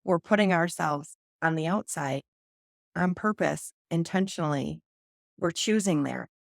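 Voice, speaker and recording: A woman's voice: on the low side, a little slow, vocal fry, no echo, clean studio sound. A woman sober coach, a podcast guest, sharing her own story in an earnest, open way. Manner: earnest and open, speaking in long flowing runs. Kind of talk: candid personal storytelling in a podcast conversation.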